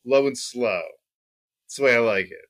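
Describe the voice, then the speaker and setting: A man's voice: medium pitch, normal speed, fairly bright tone. A man co-hosting a podcast, chatting casually about racing bets, rambling and joking with lots of ums. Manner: rambling, jokey, many ums. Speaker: podcast co-host.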